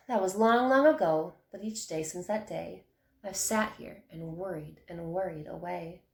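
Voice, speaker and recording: Teacher lady reading a rhyming kids book, expressive, a bit gravelly, echoey room. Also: fairly low pitch, unhurried. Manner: expressive, rhythmic storytelling. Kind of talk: reading a picture book aloud.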